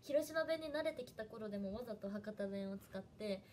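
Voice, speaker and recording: This young woman, an idol trainee from Fukuoka, Japan, speaks in a Hiroshima dialect while chatting casually on a livestream and thanking viewers by name. Her mid-range voice is expressive and a little mellow, at normal speed, with a faint hiss or hum in the background.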